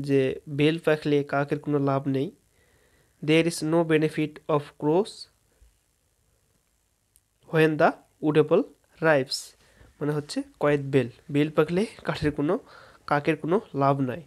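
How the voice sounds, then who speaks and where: A man's voice: fairly high pitch, darkish tone. A man whose first language is Bengali, teaching English fruit names in a casual spoken lesson and spelling words out letter by letter to his viewers.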